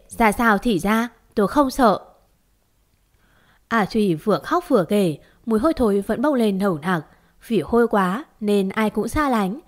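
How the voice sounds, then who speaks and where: A woman narrating a first-person audio story, lively and defiant in the dialogue. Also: medium pitch.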